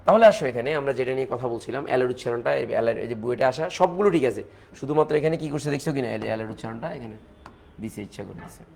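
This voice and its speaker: Fast-talking Bangladeshi chemistry teacher. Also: male voice, mid-range voice, gravelly, a little mellow. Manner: fast, repetitive teaching talk with English mixed in. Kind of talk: lecture.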